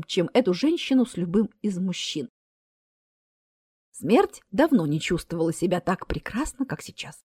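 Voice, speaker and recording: A woman reading a humorous story aloud in a wry, lively manner. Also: on the high side, no echo, studio quality. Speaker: narrator. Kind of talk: storytelling narration.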